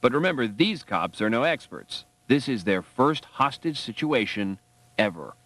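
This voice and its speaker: A man's voice: medium pitch, very animated, normal speed, fairly bright tone. A man narrating a documentary from a dramatic script.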